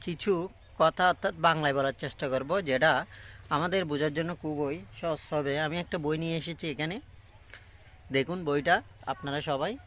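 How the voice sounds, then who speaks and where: A man giving a casual pronunciation lesson on a phone front camera, talking slowly and repeating each word with many fillers. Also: a little high, steady tone, a bit bright. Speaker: English pronunciation teacher. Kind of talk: casual self-recorded lesson.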